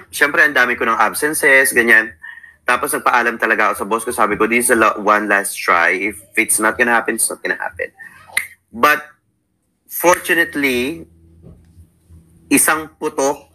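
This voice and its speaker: Bright-voiced Filipino man telling his story. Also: mid-range voice, poor audio. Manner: storytelling, mixes Tagalog and English, quotes himself often. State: sleepy. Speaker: interview guest. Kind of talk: personal life story in casual chat.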